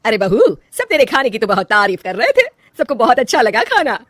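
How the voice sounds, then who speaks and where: A woman voicing a middle-aged mother-in-law who talks in a loud, commanding way. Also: on the high side, big pitch swings, fairly quick, no echo. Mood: bossy.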